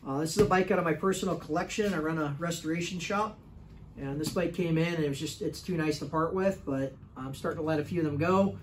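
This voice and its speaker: Higher-voiced man walking through a workshop bike. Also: fast talker, slight background noise. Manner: plain, matter-of-fact listing of details with fillers. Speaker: restoration shop owner selling a motorcycle. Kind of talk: casual product walkaround. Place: indoor motorcycle workshop.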